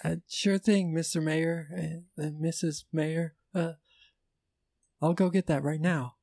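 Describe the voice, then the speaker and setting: A man's voice: a little high, steady tone, slow pace, vocal fry, a little mellow, no echo, voice pushed up, exaggerated voice. Improv: a man as a timid, stammering young waiter, dry close voice. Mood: flustered. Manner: stammering, apologetic, eager to please. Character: nervous young male waiter. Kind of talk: improvised comedy role-play.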